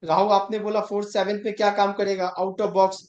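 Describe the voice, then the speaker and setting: A man with a high, slightly mellow voice and flat delivery teaches an astrology class at normal speed, stressing points and asking if students follow while mixing English terms into Hindi. The recording has its highs cut off and a roomy echo.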